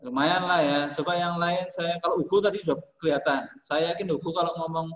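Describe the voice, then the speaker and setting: A man's voice: fairly high pitch, brisk, a bit bright, roomy sound. A male music teacher from Indonesia teaching a class online, calling on students by name and explaining each term. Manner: calls on students by name, repeats their answers and explains.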